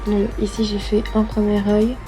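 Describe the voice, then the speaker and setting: A woman's voice: medium pitch, monotone, moderate pace, music in the background, low-quality recording. A young woman, chatting casually through a makeup tutorial and thinking aloud as she works. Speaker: beauty vlogger.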